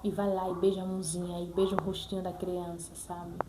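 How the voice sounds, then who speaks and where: In a brisk vlog, a Brazilian mother earnestly tells viewers about her experience, repeating herself and adding many check-in tags. Her lowish voice barely moves in pitch, and there's background noise.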